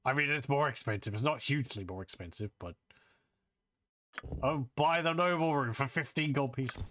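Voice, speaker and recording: Male game player, bright mid-range voice, casual muttered running commentary, some noise behind. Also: mid-range voice, normal speed. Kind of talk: casual gameplay commentary, reading dialogue aloud.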